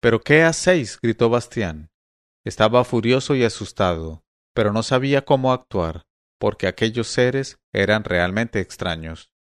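A man narrating a fantasy novel aloud in a measured, expressive audiobook reading. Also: lowish voice, clean tone, dry recording, clean studio sound.

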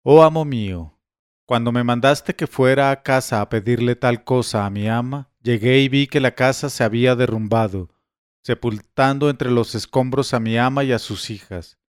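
A man's voice: mid-range voice, moderate pace, clear, resonant tone, no room sound, studio quality, close to an everyday voice. Man doing a scheming servant wailing false grief. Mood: mournful.

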